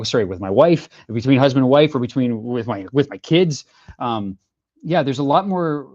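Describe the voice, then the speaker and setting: A middle-aged man talking earnestly in an interview, reflecting slowly and restarting phrases as he searches for words. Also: medium pitch, a little mellow, lo-fi sound. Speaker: interviewed musician. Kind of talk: casual interview chat.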